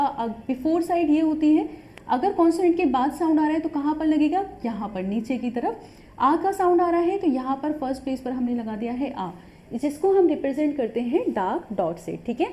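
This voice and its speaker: A woman's voice: high-pitched, dark tone. A woman teaching a shorthand course in a patient, step-by-step way, often checking in with the listener. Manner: patient, repeats points with frequent "ठीक है" check-ins. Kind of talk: step-by-step tutorial explanation.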